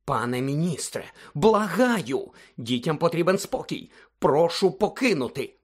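A man voicing a stern, bustling female school nurse who scolds and insists, getting shrill when upset. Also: lively intonation, measured pace, breathy edge. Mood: insistent.

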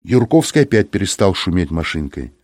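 Husky man narrating a story. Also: low-pitched, very animated, fairly quick, darkish tone, no echo, clean studio sound. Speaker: audiobook narrator. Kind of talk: scripted narration with character voices.

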